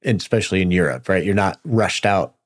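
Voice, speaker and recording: An American podcast host interviews guests conversationally, asking them questions in a low, brisk voice.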